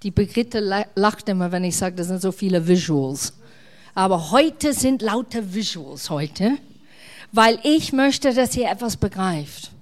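A middle-aged woman pastor, preaching a sermon in a warm, conversational way. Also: medium pitch, animated, a little slow.

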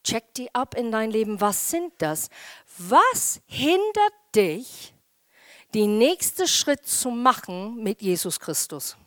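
A woman pastor preaches with a lively, swooping pitch and an unhurried, deliberate pace. She acts out the people she quotes, and the recording is close and dry. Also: no echo. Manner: animated, acts out quoted voices. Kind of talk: sermon.

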